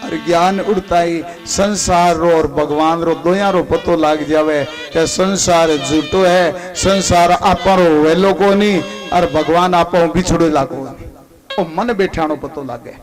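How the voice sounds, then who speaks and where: High-voiced Rajasthani man preaching slowly. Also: over music. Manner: lively, calls on listeners to respond. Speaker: religious storyteller. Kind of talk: devotional story sermon.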